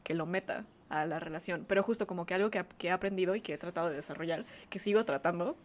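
A woman's voice: fairly low pitch, fast, a little hiss or hum. A woman, co-hosting a podcast in casual chat, talking with many fillers and frequent laughs. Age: 20s. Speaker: podcast co-host.

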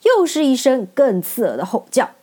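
A woman storyteller narrating a children's story in a gentle, expressive read-aloud style. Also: high voice, moderate pace.

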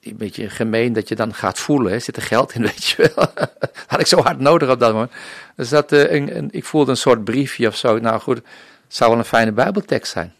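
Man from the Netherlands, missionary telling his testimony, earnest storyteller, mid-pitched voice, dry close sound. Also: normal speed, creaky, no echo. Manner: earnest storytelling, often acting out remembered dialogue. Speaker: missionary guest. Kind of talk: personal faith testimony in an interview.

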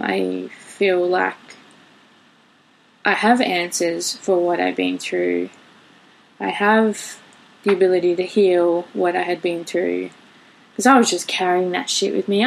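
A woman's voice: on the low side, unhurried, vocal fry, rough recording. A woman in her late twenties hosting her own podcast, talking candidly in a rambling way, laughing and swearing now and then. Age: 20s. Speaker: podcast host. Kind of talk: casual solo monologue.

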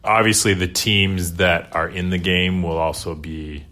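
Lower-voiced man, podcast co-host, casual chat, halting, filler-heavy. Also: steady tone, pushed and bright. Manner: hesitant, many fillers, laughs while talking.

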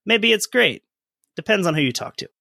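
A man's voice: high voice, lively intonation, normal speed, creaky, sharp tone, no room sound, studio quality. A man co-hosting a casual history podcast, reading old newspaper quotes aloud in a conversational way. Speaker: podcast co-host.

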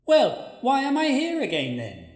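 A woman's voice: high-pitched, wildly swooping pitch, measured pace, darkish tone, exaggerated voice. A woman voicing the blunt, sulky ghost of a plain young woman, with curt, needling replies in a radio play. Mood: deadpan. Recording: echoey, roomy sound.

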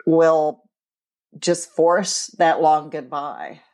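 A woman in her forties, co-hosting a podcast and explaining things in a measured way from her counseling work. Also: deep voice, a little mellow. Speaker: podcast co-host and co-parenting counselor. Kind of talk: casual podcast chat.

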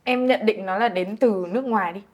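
A woman's voice: mid-range voice, brisk, a little mellow. A young woman with a northern Vietnamese accent, hosting a conversational interview. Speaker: podcast host interviewing two comedians.

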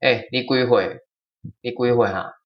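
A man's voice: medium pitch, steady tone, natural voice. A man imitating an irate, boastful elderly man who scolds and lectures. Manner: grumbling, lecturing, slow and indignant. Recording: slightly dull lo-fi sound.

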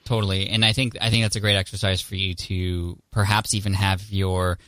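A man's voice: sits low, little pitch movement, fairly quick, a bit bright, dry recording, studio quality. A man hosting a business podcast, coaching his guest and wrapping up in an upbeat, encouraging, effusive way. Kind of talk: podcast coaching interview and outro.

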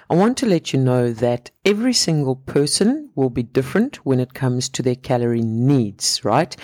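Man, solo podcast host, fat loss coach, blunt, sarcastic, swears casually, middle pitch, dry close sound. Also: a little mellow, no room sound.

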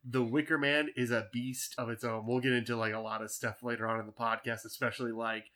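A man's voice: mid-range voice, level tone, fast talker, bright, forceful tone. Rambling enthusiastic podcast guy. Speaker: podcast host. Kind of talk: casual movie podcast chat.

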